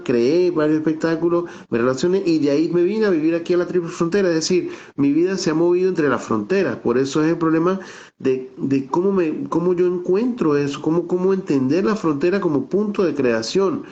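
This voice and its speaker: As a guest on a video call with dull, lo-fi audio, a middle-aged theater director from Venezuela's Andes talks in a Táchira accent. He reflects at length, restarting often, using fillers and repeatedly asking "¿no?". His voice is on the high side and a little mellow.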